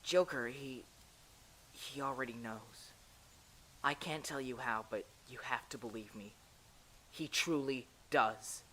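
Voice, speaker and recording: A man's voice: medium pitch, slow, pauses often, sharp tone, a little hiss or hum. A man playing Robin, an earnest captive boy sidekick, subdued, pleading yet defiant, in an audio drama. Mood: urgent, pleading.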